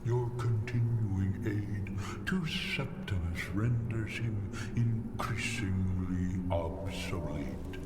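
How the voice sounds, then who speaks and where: A man voicing an ancient, imperious eldritch god in a video game, with a vast, deep cosmic voice and drawn-out, ponderous delivery. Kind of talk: video game character acting. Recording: echoing voice under loud game music.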